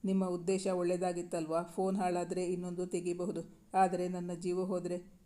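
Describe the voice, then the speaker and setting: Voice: mid-range voice, monotone, normal speed, warm tone, close to an everyday voice. A storyteller voicing a playful, affectionate young man in a spoken romance story, coaxing and teasing.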